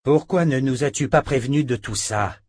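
A man voicing a gruff, scornful commander in a fantasy audiobook. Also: mid-range voice, normal speed, a little mellow, dry recording, studio quality, voice pushed up, lightly acted. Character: grim, gruff male commander.

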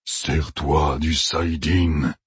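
A ruthless ancient voice urges violence in a low, raspy, drawn-out tone, as a male narrator puts it on. The read is dry and close-miked. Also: fairly even intonation, dry recording, exaggerated voice. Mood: urgent. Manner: slow, low and insistent. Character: grim inner voice of an ancient man, ruthless.

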